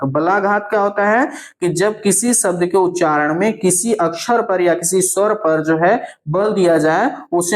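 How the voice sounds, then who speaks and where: A male teacher going through an exam answer key, asking questions and answering them himself, often checking in and drawing words out slowly for emphasis. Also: a little high. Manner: keeps checking in with "thik hai".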